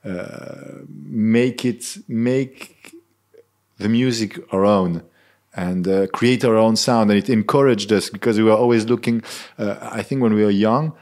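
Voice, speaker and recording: This low-pitched Swiss man, in his thirties, sounds a little mellow and speaks a bit slowly. As a band member in a casual interview, he's earnest, gropes for words, and restarts his sentences often.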